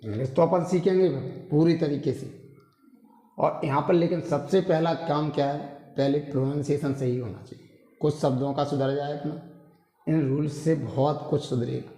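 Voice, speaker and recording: A man's voice: a little high, steady tone, normal speed, mellow. A man teaching a classroom-style pronunciation lesson, repeating himself and often checking in with tag questions. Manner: repetitive, drilling, frequent tag questions. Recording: roomy hall echo.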